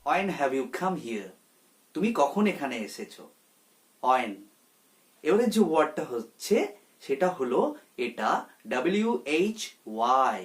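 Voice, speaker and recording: A man teaching a pronunciation lesson, repeating each word slowly and explaining it step by step. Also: a little high, big pitch swings. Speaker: English tutor.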